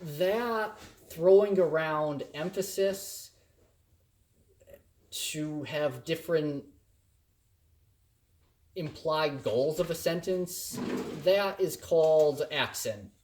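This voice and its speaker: A man teaching a recorded critical thinking lecture, playful and animated, trying out the same sentence with shifting emphasis. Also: a little high, extremely slow, long pauses, a little hiss or hum. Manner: animated and playful, acting out examples in varied emphasis. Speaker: college instructor.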